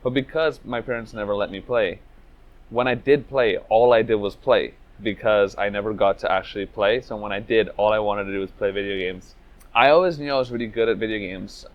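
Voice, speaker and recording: A man's voice: on the low side, a little fast, muffled recording. A man, telling his life story in a casual interview, loose and reflective with lots of "like" and "you know". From Venezuela, raised in Trinidad. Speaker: speedrunner interviewee.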